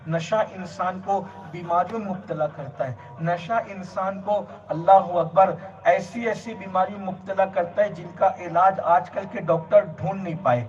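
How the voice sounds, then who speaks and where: A man with a fairly high voice preaches a religious sermon and drives his points home through long, repeated lists. He sounds set back from the mic, and the recording is dull and lo-fi. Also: far from the mic.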